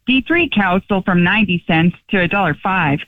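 A woman's voice: mid-range voice, expressive, normal speed. Woman, Canadian accent, scripted radio farm report, livestock reporter, tinny telephone sound, no room echo. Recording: tinny, dry phone line.

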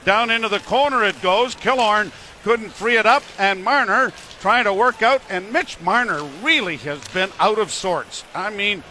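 A man calling live hockey in a rapid running play-by-play as a broadcast commentator. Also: high-pitched, pushed and bright, a little hiss or hum. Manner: rapid running call of the action.

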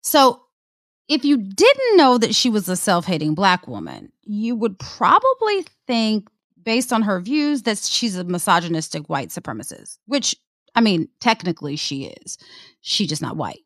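Lively sarcastic woman podcast host. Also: mid-range voice, unhurried, dry recording, studio quality. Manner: sarcastic, animated commentary. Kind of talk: casual podcast chat.

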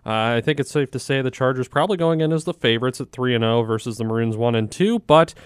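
A man's voice: mid-range voice, fast talker, clean tone, no room sound, clean studio sound. A man hosting a sports radio show, talking in a wordy, packed announcer delivery.

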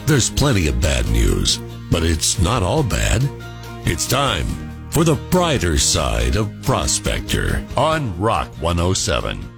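Promo announcer man, slow and low-pitched, gravelly, dramatic, music bed clearly under him. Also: huge pitch swings. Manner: slow, dramatic, heavily inflected. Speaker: radio segment announcer. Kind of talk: scripted radio promo voice-over.

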